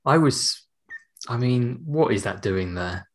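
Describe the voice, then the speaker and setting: A man's voice: medium pitch, expressive, slow pace. A British man chatting casually as a podcast co-host. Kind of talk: casual chat.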